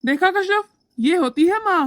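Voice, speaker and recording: A woman voicing a young husband in an animated family story, lecturing his wife and doting on his mother. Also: very high voice, normal speed, no echo, studio quality. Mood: scolding. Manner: scolding, lecturing. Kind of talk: animated moral story voice acting.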